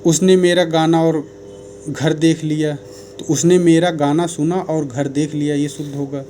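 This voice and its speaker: Man, mellow and fairly high voice, steady teacher correcting sentences, faint noise behind. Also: unhurried. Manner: methodical, corrects sentences one by one. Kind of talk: grammar lesson.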